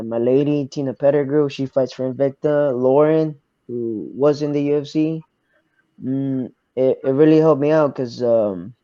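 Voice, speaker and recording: A young man from Arkansas, a fighter answering interview questions quietly, pausing to search for words. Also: medium pitch, no echo, dull audio. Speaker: MMA fighter, guest. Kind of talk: casual interview.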